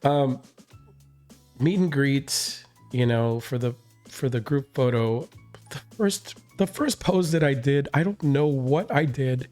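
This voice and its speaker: A hoarse man, his voice still recovering, hosts a reaction channel and rambles through a casual recap vlog. His mid-range voice is slow and a little mellow, full of fillers and restarts, with soft music in the background.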